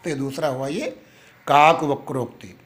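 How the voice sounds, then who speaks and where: A male Sanskrit literature teacher giving a classroom lecture, explaining step by step and chanting verses slowly, with pauses mid-sentence. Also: a little high. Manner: many fillers and restarts, pauses mid-sentence.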